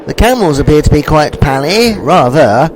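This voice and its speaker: A man's voice: big pitch swings, normal speed. A man playing a cheery, upper-crust explorer stranded in the desert for a comic radio sketch, full of breezy understatement. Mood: jolly. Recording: noisy ambience with vehicle rumble.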